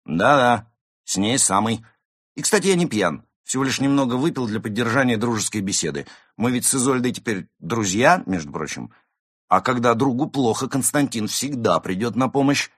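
A man voicing a polite, timid young tomcat with mild, low-key replies in an audiobook. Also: expressive, moderate pace, fairly bright tone, no room sound, studio quality. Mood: boastful.

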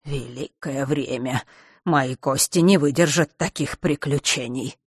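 A woman voicing a stern, sly old male keymaster who speaks slowly and grumbles. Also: on the low side, no room sound, clean studio sound. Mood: grumbling.

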